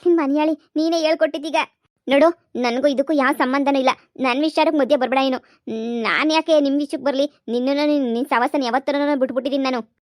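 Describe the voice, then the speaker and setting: A woman's voice: high voice, steady tone, fast, dry recording, clean studio sound, natural voice. A woman voicing a melodramatic village woman, in a cartoon comedy. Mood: indignant. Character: fifty-something village woman, pushy, clingy.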